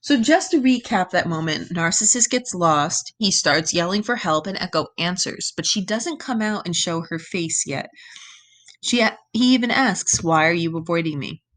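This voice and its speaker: Lady teacher going through a myth for her class, lowish voice, does the quotes kinda dramatic. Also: normal speed. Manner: explains step by step, checks in with "right?"; reads quoted lines in an animated voice. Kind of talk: recorded lesson reading a myth aloud.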